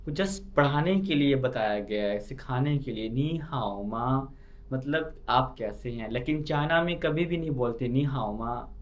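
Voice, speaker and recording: A man's voice: medium pitch, lively intonation, moderate pace, hardly any pauses, dull audio. A man from Pakistan, teaching a beginner language lesson and repeating each point, often asking a question and then answering it. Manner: repeats key points and asks himself questions. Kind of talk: slow explanatory lesson.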